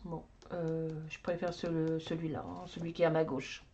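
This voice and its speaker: A woman's voice: sits low, monotone, moderate pace, dark tone, highs cut off, a little hiss or hum. A woman giving a casual show-and-tell of her coloring books, rambling and talking to herself as she searches for things. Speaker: craft vlogger.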